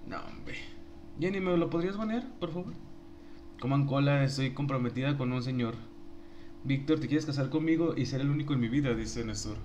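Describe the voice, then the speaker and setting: A man's voice: mid-range voice, brisk, darkish tone, dull audio, slight background noise. A young man with a Mexican accent, a streamer joking and laughing as he reads his chat aloud. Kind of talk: casual live-stream chat.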